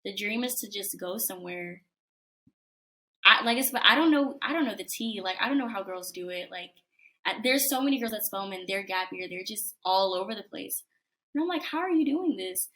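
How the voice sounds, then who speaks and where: A young woman in her twenties talks over a video call as a guest, her voice crisp and bright. She rambles in an upbeat, chatty way, with lots of fillers and likes, at a mid pitch. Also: animated, moderate pace. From United States. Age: 20s. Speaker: guest, college student. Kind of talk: casual interview chat.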